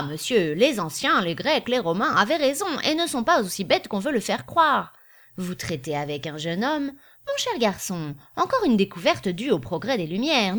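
A woman doing a loud, bombastic salesman. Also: mid-range voice. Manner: bombastic, declamatory. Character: boisterous male traveling salesman, loud and showy.

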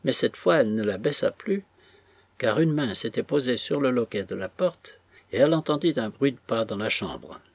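Husky male audiobook narrator. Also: medium pitch, expressive, dry recording. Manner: measured, dramatic reading. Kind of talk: scripted storybook narration.

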